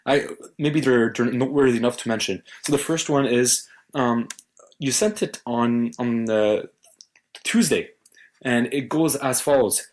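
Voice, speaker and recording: Young male podcast co-host, playful teasing banter, mid-pitched everyday voice, casual tech chat. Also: a little slow. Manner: joking, teasing, animated storytelling.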